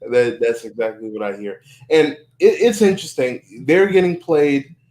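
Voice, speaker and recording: A man's voice: medium pitch, moderate pace, a little mellow. A man hosting a casual podcast chat, talking earnestly, repeating and restarting phrases and swearing freely.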